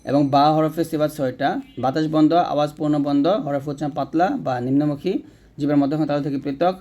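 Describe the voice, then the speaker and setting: A man's voice: a little high, steady tone, fast, warm tone, dull audio. A man teaching Quran letter pronunciation step by step, demonstrating each sound and checking in with his students. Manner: corrects his own slips mid-sentence. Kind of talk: spoken lesson on letter pronunciation.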